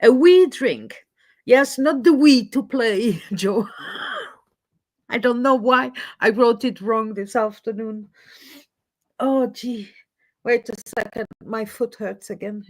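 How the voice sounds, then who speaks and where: This woman's fairly high voice carries lively intonation as she slowly chats with viewers during a casual live stream from her Edinburgh home. She comes from Switzerland and grew up speaking French. Rambling and talkative, she regularly loses her thread.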